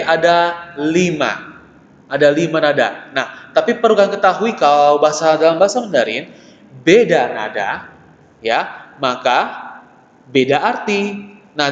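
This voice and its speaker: A man's voice: a little high, fairly bright tone. Patient male language teacher in an echoey room. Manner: patient, repeats syllables and checks in with "ya" and "oke". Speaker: Mandarin teacher. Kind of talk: classroom lesson explaining Mandarin tones. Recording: echoey, dull, lo-fi room recording with long reverb.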